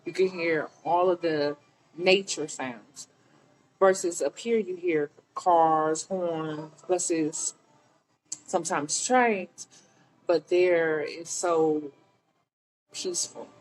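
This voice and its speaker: A woman's voice: lowish voice, steady tone, takes it slowly, darkish tone, poor audio. A woman from Mississippi with a Southern accent, a guest chatting casually on a podcast and laughing often. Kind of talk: casual chat.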